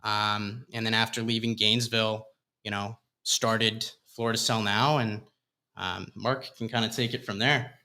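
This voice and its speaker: A man in his twenties, a company founder, telling his story in a relaxed, loose way as a guest in a studio interview. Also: on the low side, normal speed. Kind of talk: casual interview talk.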